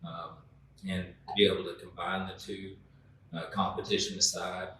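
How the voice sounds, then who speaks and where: A man, a taxidermy instructor talking in an easygoing way with many pauses at an indoor roundtable. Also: sits low, pushed and bright, a little hiss or hum. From Oklahoma. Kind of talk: relaxed roundtable talk. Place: group class in Texas, indoors. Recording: echoey room.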